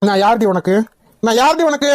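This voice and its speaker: A woman's voice: high voice, lively intonation, fairly quick, darkish tone. A woman voicing a hot-tempered young husband in a cartoon, harshly interrogating his wife. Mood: furious. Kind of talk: Tamil cartoon voice acting.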